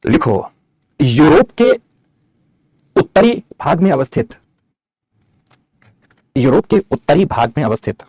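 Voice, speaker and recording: A man's voice: on the high side, very animated, slow, pauses often, darkish tone, breathy edge, no room sound, clean studio sound. A middle-aged male geography teacher, giving an online map lecture, answering students' chat questions and dictating notes.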